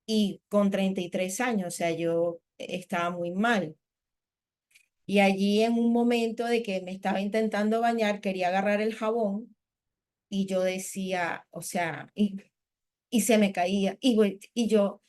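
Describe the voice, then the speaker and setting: A woman's voice: medium pitch, fairly even intonation, normal speed, a little mellow. A middle-aged woman from Panama, a spiritual teacher giving a workshop, sharing a candid personal testimony in a chatty, rambling way. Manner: candid, conversational storytelling with many "o sea" asides.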